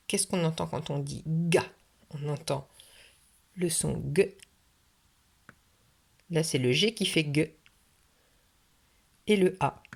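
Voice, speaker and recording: A woman's voice: deep voice, creaky, slightly rough. A woman teaching a video phonics lesson for young children, patiently sounding out each syllable. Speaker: kindergarten teacher. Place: French classroom or home, recorded for video.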